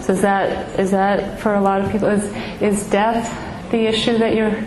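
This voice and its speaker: Her voice is soft and small, medium in pitch with little movement, and she calls it baby-like. The middle-aged woman offers personal testimony about her grief at a support gathering, sincere and halting with many pauses. Background noise fills the echoey room.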